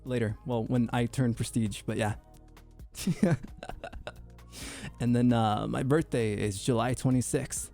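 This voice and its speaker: Young man, gravelly voice, goofy streamer chat, stumbling restarts, faint music behind. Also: medium pitch, steady tone, warm tone. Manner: goofy, joking, quick to laugh; stammering restarts. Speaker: VTuber streamer. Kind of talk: casual livestream chat.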